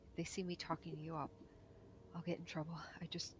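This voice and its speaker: A woman voicing a frightened man trapped beneath rubble, pleading in a hushed whisper. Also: fairly low pitch, level tone, quick pace, a little hiss or hum, lightly acted. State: buried under rubble.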